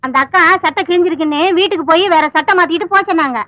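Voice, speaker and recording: A quick, chattering village girl with a very high, bright voice. The sound is muffled old film audio with faint music beneath. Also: no room sound. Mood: chatty. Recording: dull film track with music.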